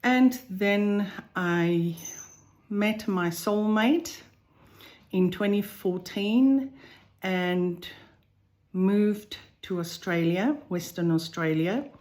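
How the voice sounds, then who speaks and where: Speaking to camera from her farm home as roosters crow outside, a vlogger with a South African accent tells her own health story in the first person. Her mid-range, darkish voice moves slowly and thoughtfully, pausing often between phrases.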